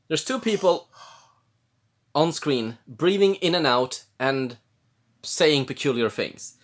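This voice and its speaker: A drunk man from Sweden, giving rambling, halting and blurting casual commentary as he reacts to a film. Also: on the high side, a bit bright. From Jämtland, Sweden. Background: film soundtrack, faint music.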